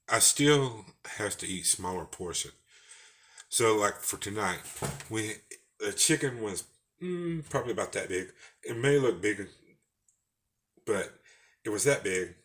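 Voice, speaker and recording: Deep-voiced Texan man, rambling folksy vlog. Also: fairly bright tone. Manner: rambling, folksy, with false starts. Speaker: vlogger. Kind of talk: casual personal vlog.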